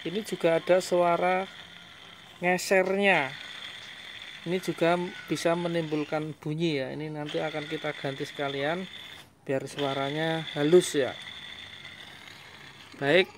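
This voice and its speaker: A man's voice: on the high side, fairly bright tone, slight background noise. A man, a mechanic explaining a diesel engine repair step by step in a workshop. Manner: explains step by step to viewers, switches to Javanese with the owner. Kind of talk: hands-on repair demonstration.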